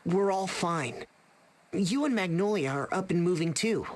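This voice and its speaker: Earnest young game hero. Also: male voice, sits high, lively intonation, measured pace, slight background noise. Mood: reassuring. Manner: reassuring, straightforward. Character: earnest, reassuring young male companion. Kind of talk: video game voice acting.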